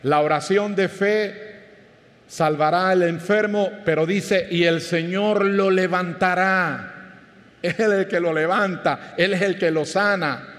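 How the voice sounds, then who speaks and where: A male pastor with a Panamanian Spanish accent preaches a sermon, telling stories and putting questions to his listeners. His voice sits a little high for a man. It rings with the long reverb of a large hall. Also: unhurried, fairly bright tone. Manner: conversational preaching with anecdotes and questions to the congregation.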